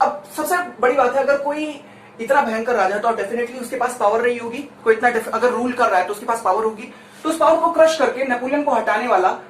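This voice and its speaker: A teacher from India with a very high, somewhat bright voice gives a conversational classroom lecture, chatting and constantly checking in with his listeners. The distant mic picks up roomy echo and faint noise.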